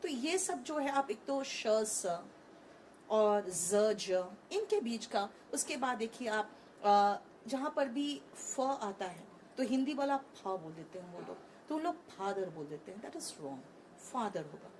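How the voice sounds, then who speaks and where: A woman in her thirties answers interview questions on a conference stage with frank, animated energy, slipping English phrases into her Hindi. Her voice sits slightly high. A faint wash of hall noise lies underneath. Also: slow pace. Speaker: online English teacher.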